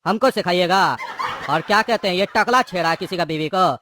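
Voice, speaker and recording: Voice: mid-range voice, a little fast, pushed and bright, slight background noise, lightly acted. A performer voicing a menacing male thug prisoner who bullies and mocks his cellmates. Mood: mocking. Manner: bullying, mocking, threatening. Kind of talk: cartoon voice acting.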